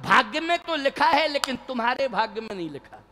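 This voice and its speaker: A man's voice: very high voice, animated, fairly quick, bright, forceful tone, exaggerated voice. A man playing a stern, impatient king. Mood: proclaiming. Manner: scolding, impatient. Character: stern royal father announcing a contest, male.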